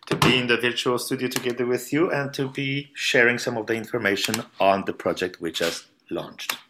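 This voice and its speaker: A Polish clarinet professor calls remotely into a radio show and answers questions at length, often restarting and repeating words. His mid-range voice is steady and brisk, with a noisy background and a roomy echo.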